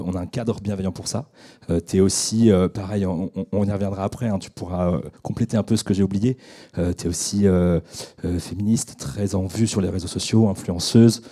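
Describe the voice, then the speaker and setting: Young male radio host, dark mellow husky voice, hesitant and filler-heavy delivery. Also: deep voice. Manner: halting, many fillers and restarts. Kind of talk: hesitant unscripted introduction. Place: radio studio.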